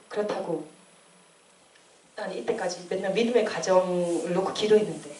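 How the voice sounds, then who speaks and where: Woman, late 20s, church testimony. Animated storyteller with a mellow tone. Roomy, distant mic. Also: medium pitch. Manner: animated storytelling, acting out quoted voices. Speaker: church member giving testimony. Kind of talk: personal testimony. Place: church hall. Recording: echoey room, distant mic.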